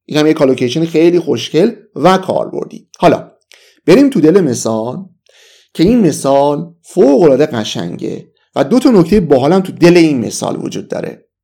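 A man with a Persian accent teaching English vocabulary in a casual, enthusiastic lesson, saying the English phrases slowly. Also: on the high side, big pitch swings, dark tone.

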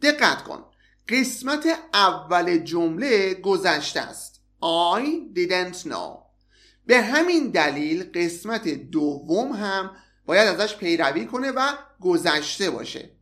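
A man teaching English in a recorded lesson, explaining patiently and saying example phrases slowly and repeatedly. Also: high-pitched, sing-song, bright, forceful tone.

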